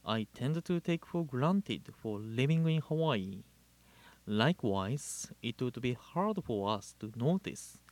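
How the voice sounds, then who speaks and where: A man from Japan with a Japanese accent, a Buddhist minister giving a measured, deliberate Dharma talk and telling a story. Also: medium pitch, darkish tone, no room sound. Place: living in Hawaii.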